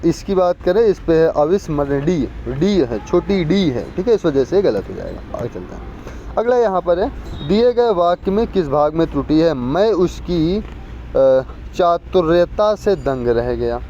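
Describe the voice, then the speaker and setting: A man teaching an exam-prep spelling lesson, repeating words and quizzing viewers with quick questions. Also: on the high side, sing-song, mellow. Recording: muffled lo-fi with faint street noise.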